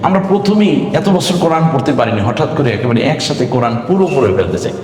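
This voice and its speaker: A man's voice: on the high side, lively intonation, fast, a little mellow. Patient male teacher in an echoey room. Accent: Bangladeshi Bengali. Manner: patient, explains step by step with examples. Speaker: Quran reading teacher. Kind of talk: online slide lesson. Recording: very echoey room with long reverb.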